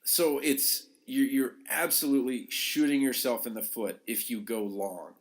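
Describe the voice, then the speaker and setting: In a steady, medium-pitched voice and at a slightly slow pace, a coach hosting a podcast talks informally to listeners. He gives advice conversationally and emphatically, voicing short quotes.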